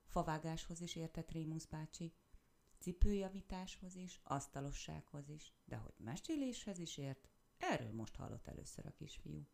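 A woman reads a children's story aloud with a low, gravelly voice. Her telling moves lively up and down, with a dark, mellow tone. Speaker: narrator. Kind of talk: storybook reading.

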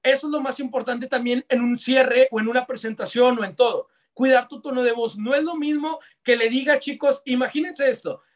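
High-voiced Mexican man coaching sales. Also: a little fast, hardly any pauses. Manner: energetic, slangy, addresses audience directly. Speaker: sales trainer. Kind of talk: live online sales coaching.

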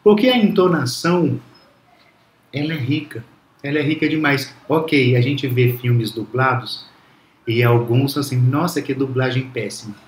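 A man's voice: mid-range voice, unhurried, echoey room, slight background noise. A man, reflective and storytelling, talking as a guest in a casual conversation. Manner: reflective, storytelling, frequent restarts.

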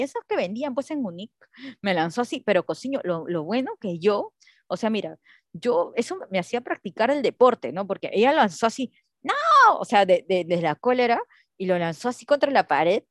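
A woman chatting casually, telling animated stories and acting out the voices of the people in them. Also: a little high, dry recording, clean studio sound. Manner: animated storytelling, acts out quotes, laughs often. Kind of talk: casual chat.

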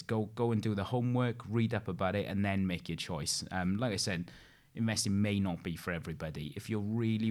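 A man with a British accent explaining things conversationally as an interview guest, informal and rambling with repeated phrases. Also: low voice. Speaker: interview guest, investment expert.

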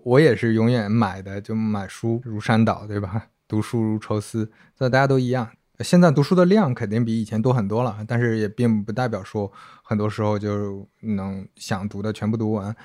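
A man in his thirties, a podcast guest, talking through his thoughts in a relaxed, reflective way with small restarts. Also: lowish voice. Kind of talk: casual podcast chat.

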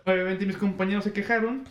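A young man with a Mexican Spanish accent telling a school story in casual chat, joking and animated, with lots of slang. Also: high voice. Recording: echoey room, faint background hum.

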